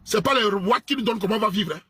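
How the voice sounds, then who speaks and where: A man's voice: sits high, racing, pushed and bright, slightly rough. A man with a Cameroonian French accent scolding in a ranting monologue, repeating himself and tagging phrases with "hein".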